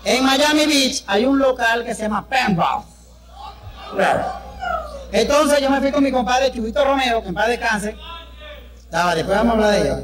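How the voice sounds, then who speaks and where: A man's voice: very high-pitched, normal speed, pauses often. A man with a Venezuelan accent doing crude, chatty live stand-up comedy on stage. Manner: brash, crude, chatty storytelling with the crowd. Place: stage before a live audience. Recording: live show with crowd noise.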